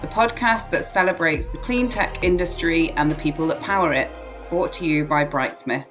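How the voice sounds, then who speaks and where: A woman's voice: deep voice, normal speed, a bit bright, soft background music. A woman hosting a podcast interview, upbeat and chatty, reading a scripted intro. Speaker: podcast host.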